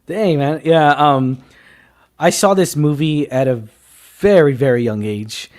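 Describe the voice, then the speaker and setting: Excitable young man hosting a chat. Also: fairly high pitch, unhurried. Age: 20s. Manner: excitable, loud bursts of laughter and teasing. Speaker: podcast host. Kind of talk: casual film chat.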